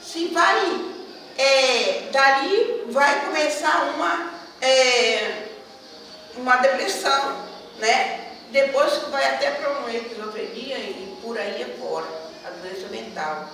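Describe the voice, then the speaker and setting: A woman from Brazil speaks at a community gathering, telling stories in a chatty, animated way and often tossing in little questions to the listeners. Her voice sits somewhat high. She is picked up from a distance in a very echoey hall, with noise clearly audible behind her. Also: slow. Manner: chatty, animated storytelling with frequent tag questions. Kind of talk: storytelling at a public event. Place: event hall.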